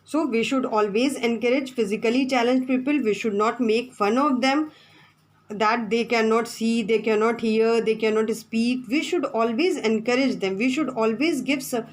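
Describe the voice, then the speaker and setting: A woman's voice: fairly high pitch, poor audio. A woman teacher, giving a classroom lesson from the textbook, repeating her points and spelling out words.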